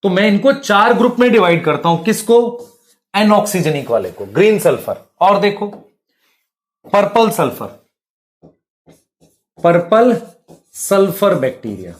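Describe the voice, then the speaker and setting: A man's voice: sits high, very animated, measured pace, pauses often. A male biology teacher, explaining at the board and quizzing students with rhetorical questions. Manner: addresses students as beta and bhai.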